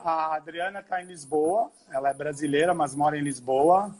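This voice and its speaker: A man from Portugal, a professor, hosting a live stream over a video call. His voice is slightly husky and sits a little high for a man. He talks at length in a relaxed way, often restarting his sentences. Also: moderate pace. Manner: talkative, explains at length with restarts. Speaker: university professor and live host. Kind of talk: casual live-stream conversation.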